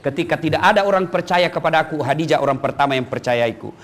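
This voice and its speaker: High-voiced playful male preacher. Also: quick pace. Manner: playful, mimics wives and husbands, swings between loud punchlines and low asides. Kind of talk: humorous sermon to women's study group.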